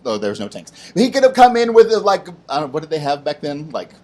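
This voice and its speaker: A man hosting a kids' Bible lesson who tells the story in a lively, casual way and slips into voices for its characters. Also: fairly high pitch, fast. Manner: animated, plays voices in his stories, casual slang. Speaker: children's ministry host.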